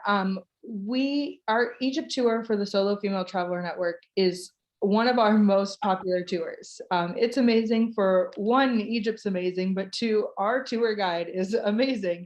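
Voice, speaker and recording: The recording is low quality, but the voice is clear enough: a Florida woman, an American host and tour ambassador, speaking in a mid-range, slightly mellow tone and a little slowly. She chats informally during a live online Q&A over video call, reading out questions from listeners.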